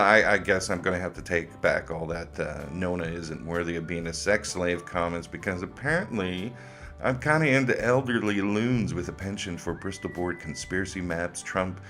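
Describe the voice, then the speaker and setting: A man's voice: low-pitched, fairly bright tone. A man hosting comic reaction commentary in a sarcastic, mocking way. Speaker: host of a commentary video.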